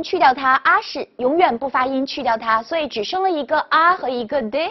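A woman teaching French pronunciation in a video lesson, upbeat and quick to praise, repeating each model word. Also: high voice. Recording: dull lo-fi recording.

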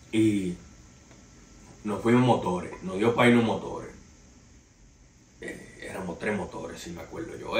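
This is a young Dominican man with a Dominican Spanish accent, speaking in a mid-range, fairly bright voice. He hosts a casual gossip podcast of entertainment news commentary, telling stories in a loose, slangy way and calling his listeners "señores." He sits on a sofa in a small indoor living room, picked up by a far camera with no mic in view, so the sound is roomy and echoey with faint noise.

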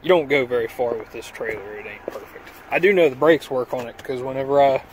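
Brisk and mid-range, this man's voice comes with slight background noise. He's a vlogger doing a relaxed walkthrough of a truck part he installed, rambling folksily with fillers while holding his phone to film inside the truck and out by a trailer.

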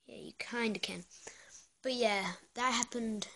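A young female vlogger with a hoarse voice rambles through a casual story, full of "like" and "uh". Her voice sits fairly high for a woman. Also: unhurried, a bit bright. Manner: chatty, rambling with many fillers. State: hoarse, lost voice. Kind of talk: casual vlog chat.

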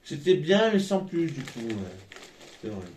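A man's voice: a little high, sing-song, a little slow, darkish tone. A man, chatting casually as he munches crunchy chips. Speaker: vlog co-host tasting snacks. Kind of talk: casual chat. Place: small hotel room, indoors. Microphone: phone camera a couple of metres away. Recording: echoey room, noisy phone recording.

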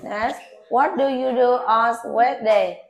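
Vietnamese-accented woman teacher quizzing briskly. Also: fairly high pitch, steady tone. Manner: brisk short prompts and corrections. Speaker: English teacher giving a speaking test. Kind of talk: classroom oral quiz. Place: classroom, off camera.

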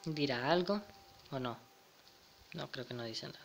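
Over a faint hiss or hum, a young man with a Spain Spanish accent comments casually on a game in a let's play. His mid-range voice is creaky and moves at normal speed, and he chuckles while reading the dialogue out loud.

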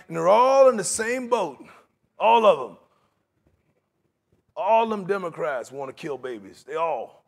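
A man's voice: high-pitched, lively intonation, unhurried, gravelly, pauses often. A middle-aged man preaching a sermon in a large church sanctuary, talking in a conversational way and slipping into mocking voices for his examples.

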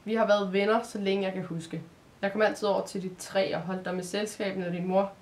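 A woman voicing a gentle, sad male creature who talks softly and patiently, as if explaining to a child. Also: medium pitch, steady tone, natural voice. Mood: hushed. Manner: patient, explaining, soft-spoken.

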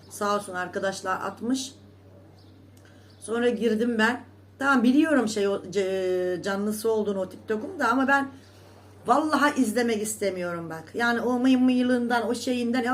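A woman vlogger in a casual monologue to her viewers, scolding and indignant, repeating herself with emphatic oaths. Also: a little high.

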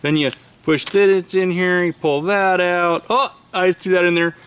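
Casual vlog host, man, quick and lively demo voice, slightly high, light background noise. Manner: animated, explanatory, quick-talking. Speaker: host demonstrating crayfish shelling. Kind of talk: casual cooking demonstration.

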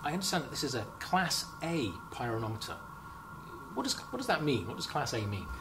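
A young man's voice, a little high and very animated, comes at a slightly fast pace as he hosts a corporate product interview. As marketing host he is chatty and upbeat, using many fillers, and stands indoors in a company lab. Lab background noise is audible.

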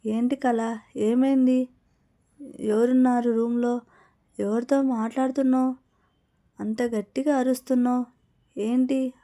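A woman's voice: fairly high pitch, level tone, a little slow, pauses often, dark tone, close to an everyday voice. A woman voicing a worried, probing middle-aged mother in a told story, firing off questions. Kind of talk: storytelling role-play.

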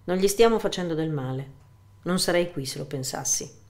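A woman reading as a calm elderly man. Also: deep voice. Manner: calm, measured.

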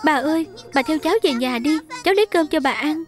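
A woman voicing a sweet, kind little girl in a Vietnamese voice-over dub of a drama, speaking in a gentle, earnest way. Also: high-pitched, fast talker, faint music behind, close to an everyday voice. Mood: pleading.

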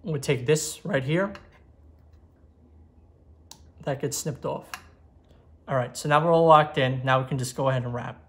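In his twenties, a magazine editor walks through a how-to tutorial step by step at an indoor workbench, captured on a lapel mic. His mid-range male voice keeps a moderate pace and steady instructional manner.

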